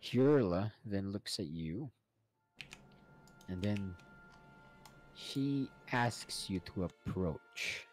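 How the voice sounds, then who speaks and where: A man narrating a tabletop role-playing game as game master, in a slow, unhurried way. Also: lowish voice, lively intonation, a little mellow, faint music behind.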